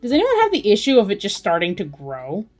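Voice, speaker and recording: Drawing live with music playing, a woman muses in casual conversation. Her medium-pitched, darkish voice swings hugely in pitch, and she talks at a quick pace.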